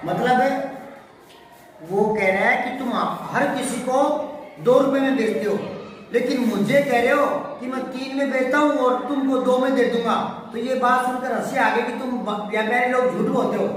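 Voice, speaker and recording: A male teacher leads a classroom through a Hindi story, stopping again and again to ask whether the pupils follow. His voice sits unusually high. It is picked up from across an echoing classroom, with steady noise behind it. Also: normal speed. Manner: questioning, keeps checking pupils follow. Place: classroom with a board. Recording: echoey room, far from mic, background noise.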